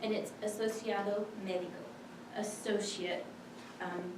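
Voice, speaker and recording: Recorded on a distant mic in an echoey room with background noise, a physician assistant leads a classroom lesson. Her medium-pitched voice is steady and her pace measured, though her talk is chatty and full of fillers and "like"s.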